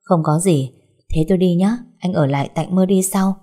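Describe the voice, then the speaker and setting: Woman doing a gentle, reserved young man. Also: fairly low pitch, brisk, close to an everyday voice. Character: quiet, tender young man in love.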